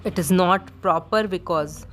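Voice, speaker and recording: A woman reading out a speech as dictation practice, in short, measured phrases with clear gaps between them. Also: on the low side, slight background noise.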